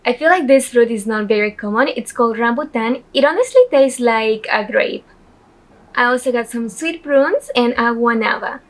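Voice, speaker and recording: A woman's voice: a little high, normal speed. A young woman from El Salvador, chatting upbeat and straight to the camera as she hosts a casual travel vlog from a couch indoors. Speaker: vlog host. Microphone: camera in front of her; handheld phone at arm's length while walking.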